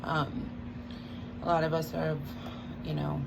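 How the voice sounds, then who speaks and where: A woman's voice: sits low, flat delivery, takes it slowly, gravelly. A woman chewing gum while she gives a casual, hesitant, rambling spiritual talk as a tarot reader. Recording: loud background noise.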